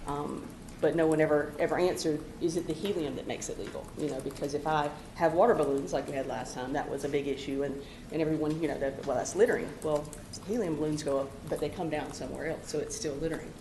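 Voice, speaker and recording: A woman giving an earnest public comment at a council meeting, halting and full of "you know" fillers, recorded in a council chamber. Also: low-pitched, fairly even intonation. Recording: echoey council chamber recording, faint hum.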